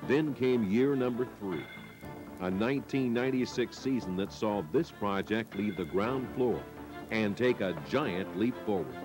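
An American man reading scripted sports highlight narration in measured, dramatic phrases with pauses. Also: over music.

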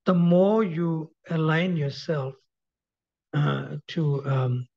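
Brief: husky male swami lecturing, slightly high voice, repeats his points, dull lo-fi sound. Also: drawn-out words. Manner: repeats key phrases, asks the audience questions. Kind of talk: devotional lecture. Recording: dull lo-fi recording.

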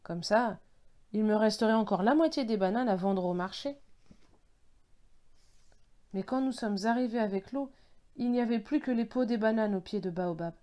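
A woman reading a children's picture-book story aloud in the first person, telling it lively and animatedly. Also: mid-range voice, moderate pace, long pauses.

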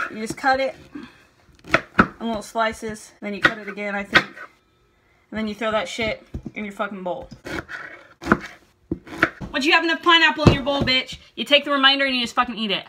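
This young adult woman makes a comedic cooking vlog in her home kitchen, playing teacher to a camera at table height in front of her while cursing brashly and jokingly throughout. Her voice is high and moderately paced with long pauses. The recording is very noisy, with loud music behind.

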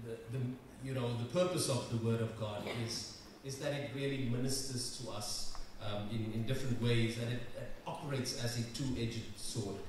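A middle-aged man with a South African accent, a pastor welcoming the congregation and giving announcements, hesitant with many ums and restarts. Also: medium pitch. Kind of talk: church service welcome and announcements. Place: large wood-panelled church. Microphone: stand mic at lectern. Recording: echoey church from far off, background noise.

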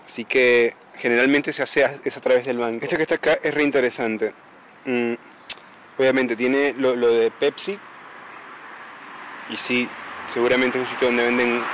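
A man walks through quiet city streets outdoors at dawn, reading shop signs aloud and spelling them letter by letter. His pitch sits in the middle for a man, and he talks casually, often repeating himself. Faint street noise and passing traffic sit under his voice. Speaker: travel vlogger.

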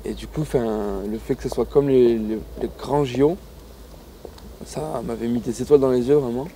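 A man's voice: medium pitch, moderate pace, dark tone. A young man, a rugby sevens player, speaking casually and reflectively in an outdoor interview, often trailing off.

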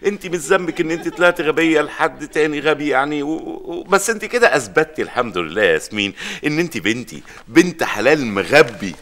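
A man acting an excitable, argumentative brother and father in a comedy sketch. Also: on the high side, quick pace.

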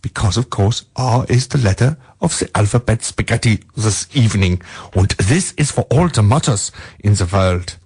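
A man's voice: lowish voice, lively intonation, normal speed, darkish tone, husky. A man hosting a live radio show, chatting casually and jokily while reading out listener texts in a studio.

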